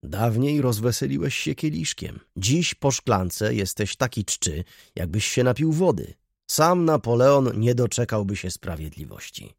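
A man's voice: mid-range voice, big pitch swings, measured pace, gravelly, darkish tone, no room sound, clean studio sound, full character voice. A man voicing a gloomy older clerk who grumbles and complains about everything. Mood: grumbling.

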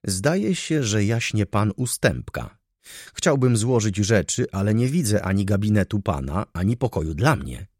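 A man puts on a self-important male servant who orders everyone about. The voice sits low and husky, with a lively, rising and falling delivery. The recording is close and dry. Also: moderate pace, dry recording, heavily acted. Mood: haughty. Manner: haughty, condescending, commanding. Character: pompous, bossy male valet, self-important.

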